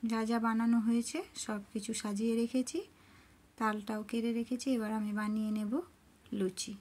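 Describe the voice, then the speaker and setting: A middle-aged woman narrating her cooking and home worship step by step in a soft, homely way. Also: on the high side, level tone, normal speed. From rural Bengal. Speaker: cooking and devotional vlogger.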